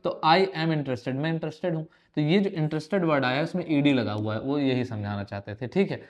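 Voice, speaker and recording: A young man with a slightly high voice speaks a little fast while teaching a grammar lesson for exam prep. He keeps it conversational and teasing, firing rhetorical questions at his students.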